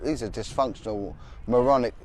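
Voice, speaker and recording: A middle-aged man hosts a live podcast outdoors in a city park, chatting with passers-by on a live-stream. His mid-range voice is a little fast and slightly mellow, and he speaks bluntly and passionately, repeating words as he gets fired up.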